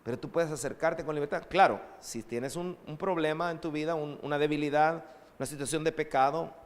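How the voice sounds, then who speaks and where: A man preaching a sermon as pastor, lively and conversational, with asides to the congregation. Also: on the high side, a little fast, big-room sound.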